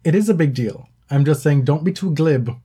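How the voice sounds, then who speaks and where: A man's voice: a little high, fairly quick, dark tone, slightly rough. A man co-hosting a casual podcast, earnest at times but with wry, teasing asides. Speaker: podcast co-host. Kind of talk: casual chat.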